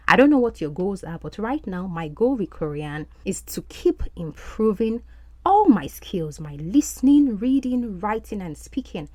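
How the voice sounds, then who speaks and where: A Yoruba-speaking woman hosts a podcast as an English language coach, with the animated, encouraging delivery of a teacher. Her pitch sits in the middle and the recording is dry.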